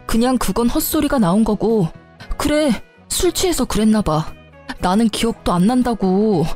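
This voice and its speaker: A woman's voice: on the high side, expressive, normal speed, a little mellow, soft background music. A woman voicing a begging cheating husband. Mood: pleading. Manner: pleading, making excuses. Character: cheating husband begging his wife, young adult man.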